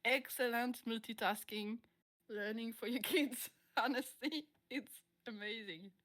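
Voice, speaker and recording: A woman's voice: fairly high pitch, measured pace, a bit bright. A woman from France, a native French speaker, chatting casually in an interview about her music and laughing often as she searches for English words.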